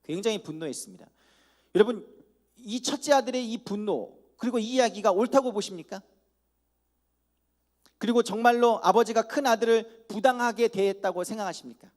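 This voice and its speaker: A man preaching a youth sermon at a church service, animated, and he acts out the characters with comic asides. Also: sits high, moderate pace. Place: church hall.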